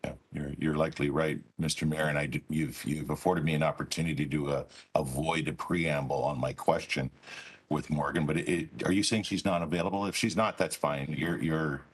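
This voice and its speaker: A man's voice: rumbling low, fairly even intonation, a little fast, breathy edge. A man serving as a city councillor who asks his question in a courteous, hesitant way, often repeating words. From Canada.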